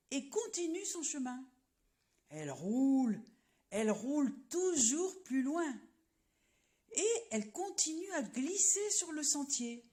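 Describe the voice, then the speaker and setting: A woman telling a children's story in an expressive, playful way, sometimes asking the listener questions. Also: sits high.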